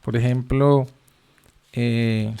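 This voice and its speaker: Male Bible teacher, mid-pitched voice, reads verses then explains. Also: fairly even intonation, very slow, mellow, clear, resonant tone. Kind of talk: Bible study teaching with scripture reading.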